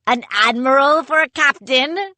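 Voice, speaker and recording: A woman's voice: high-pitched, measured pace, pushed and bright, no room sound, pitched above the performer's own voice. A woman voicing a sly, grinning male pirate captain with a taunting manner. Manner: mocking, taunting.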